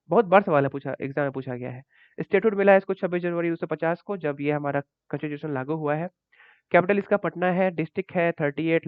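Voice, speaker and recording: A man's voice: a little high, no echo. A man teaching current affairs for exams over slides, in a conversational way that keeps checking in with "ठीक है". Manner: conversational, repeats points and adds checks like "ठीक है". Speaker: exam coaching teacher. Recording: tinny phone-like dry audio.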